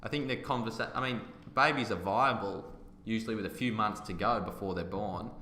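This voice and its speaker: A man's voice: lowish voice, a little fast, sharp tone, slight background noise. A man hosting a podcast, talking in an emphatic, argumentative way. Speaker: podcast host. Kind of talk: casual opinion chat. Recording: roomy echoey room.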